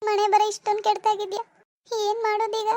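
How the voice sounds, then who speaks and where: A woman's voice: extremely high pitch, racing, dry recording, studio quality. A woman voicing a grieving, defensive mother-in-law in a cartoon. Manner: wailing laments, then stern rebukes. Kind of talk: animated cartoon voice acting.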